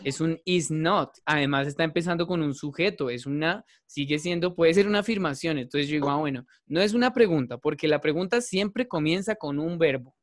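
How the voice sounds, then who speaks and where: A male teacher leads an online class, walking his students through each step and stopping often to check they follow. His voice sits a little high, and the sound is dry, with no room around it. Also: fairly quick, hardly any pauses, dry recording. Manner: patient, repetitive, checks in with "¿listo?". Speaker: English teacher.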